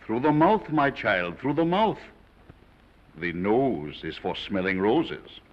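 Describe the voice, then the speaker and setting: A man's voice: lowish voice, very animated, slow pace, exaggerated voice. An actor playing a pompous older male diction coach who lectures grandly, in a 1930s film. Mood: lecturing. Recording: dull 1930s film soundtrack.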